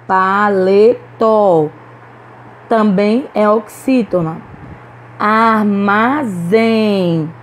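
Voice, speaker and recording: Through a rough recording with a bit of hiss or hum, a primary school teacher speaks in a mid-range voice with a Brazilian Portuguese accent. She leads a recorded online lesson for young children, sounding out each word syllable by syllable with patience.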